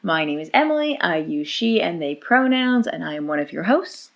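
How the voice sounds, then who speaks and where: Woman with a lower voice, chatty and a bit self-deprecating, cohosting a podcast. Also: sing-song, normal speed, lo-fi sound. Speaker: podcast co-host. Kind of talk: casual podcast chat.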